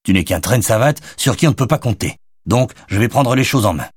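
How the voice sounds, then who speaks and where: A man reading an audiobook, voicing an exasperated, bossy father who scolds in a raised, brisk voice. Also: fairly low pitch, animated, husky, no room sound, clean studio sound, voice pushed up.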